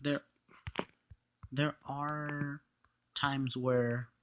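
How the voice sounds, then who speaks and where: A man giving a casual explanatory monologue in a hesitant, halting way, often trailing off. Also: mid-range voice, flat delivery, dull audio, noisy background.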